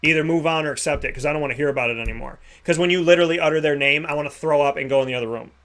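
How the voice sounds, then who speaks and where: Man, thirties, high voice, bright tone, show host, emphatic, repetitive, motivational. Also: racing. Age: 30s. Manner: emphatic, repeats phrases for effect. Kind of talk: motivational monologue.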